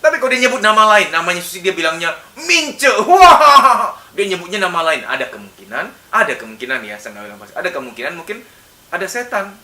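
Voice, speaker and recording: A man lecturing as a psychologist in a casual conversational register, animated and acting out his examples with sudden loud bursts. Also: sits high, quick pace. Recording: echoey room, mic at a distance.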